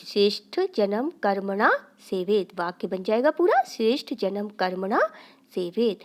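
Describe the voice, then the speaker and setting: Slow, clear Sanskrit teacher, woman. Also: medium pitch. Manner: explains step by step, asks and answers her own questions. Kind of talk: recorded Sanskrit grammar lesson.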